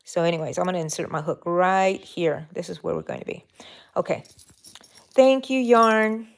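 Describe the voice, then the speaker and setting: In a fairly low voice with vocal fry, spoken at normal speed, a Texas woman hosts a casual live crochet stream from her bedroom at home. She chats and thinks aloud while working, even talking to her yarn.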